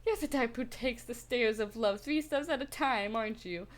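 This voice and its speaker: A woman's voice: fairly high pitch, normal speed, natural voice. A woman voicing a spiteful, gloomy teenage girl from a game, reading her lines with a bitter, sneering manner. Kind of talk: reading game dialogue aloud.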